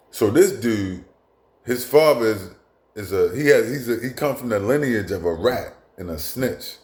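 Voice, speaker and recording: A man's voice: fairly low pitch, a little mellow, echoey room. A man talking bluntly in a casual monologue as a commentator, with frequent restarts and asides. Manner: blunt, profane, repetitive with many asides and restarts.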